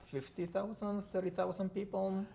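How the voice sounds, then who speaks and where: A man's voice: high-pitched, level tone, moderate pace, creaky, warm tone, a little hiss or hum. A man from Colombia with a Colombian Spanish accent, a Spanish native speaker talking earnestly as a podcast co-host in casual chat.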